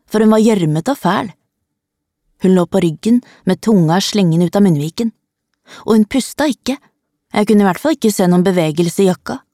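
A woman narrating a storybook in a calm, even first-person telling. Her voice sits low and mellow, recorded close and dry with no room sound. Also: no room sound. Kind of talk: storybook reading.

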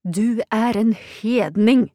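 A woman reading an audiobook, voicing an excitable, fussy elderly male cousin who hisses and frets. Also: medium pitch, dry recording, studio quality, natural voice. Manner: agitated, hissing.

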